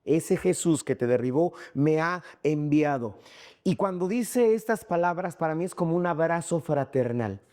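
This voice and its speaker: A man delivers a sermon to his congregation, his voice sitting a little high for a man. He keeps calling out "brother" and answering his own questions with insistent emphasis. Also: lively intonation, moderate pace, warm tone. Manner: emphatic, repeatedly addresses "hermano", asks rhetorical questions. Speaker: pastor.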